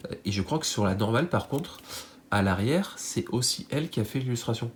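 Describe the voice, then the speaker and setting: A man's voice: medium pitch, lively intonation, fairly quick, a little hiss or hum. A man with a stuffy nose from a cold, chatting casually to viewers as he shows off cards he bought, rambling with many fillers and restarts. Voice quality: nasal. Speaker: card collector YouTuber. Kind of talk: casual unboxing chat to viewers.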